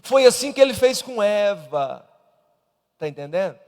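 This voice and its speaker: A man preaching a Pentecostal Sunday school sermon as an evangelist, from Brazil, building into loud emphatic preaching in a church hall. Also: sits high, very animated, measured pace. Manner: swells into loud emphatic preaching, repeatedly addressing "irmão". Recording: long church reverb.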